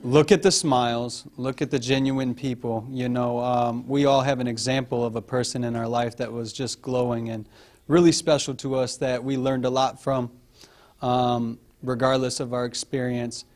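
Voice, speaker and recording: A man gives an informal, encouraging address to a group, earnest and pausing between phrases. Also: medium pitch, level tone, darkish tone.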